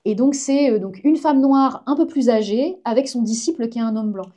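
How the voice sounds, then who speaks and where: Chatty woman with a mellow voice. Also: a little high, fairly quick. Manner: chatty, informal, enthusiastic. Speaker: guest, comic artist and science journalist. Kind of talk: casual live-stream chat.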